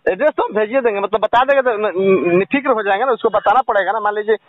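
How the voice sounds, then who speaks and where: A young man calls casually about an old coin he's selling, hesitant and full of questions. His voice is high-pitched and quick, with no echo, heard through a tinny, dry telephone recording.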